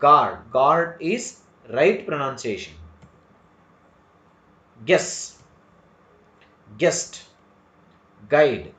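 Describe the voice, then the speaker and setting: A man with a Kannada accent teaching English pronunciation, speaking slowly and repeating each word to drill it. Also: fairly high pitch, lively intonation. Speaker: English tutor. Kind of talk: slow spoken English lesson. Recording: echoey room, dull lo-fi sound.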